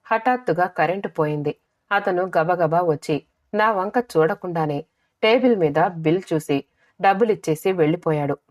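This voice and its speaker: A woman telling a first-person story as an audiobook narrator, in a measured, expressive way. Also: on the low side.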